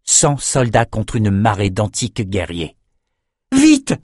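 A man with a lowish voice reads a fantasy adventure aloud as narrator. His reading is measured and dramatic. The sound is close and dry, with no room echo. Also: darkish tone. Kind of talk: storybook narration.

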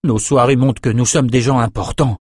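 A man's voice: medium pitch, steady tone, a little fast, darkish tone, breathy edge, no room sound, clean studio sound, lightly acted. A man voicing a gloomy, grumbling young male nobleman in an audiobook.

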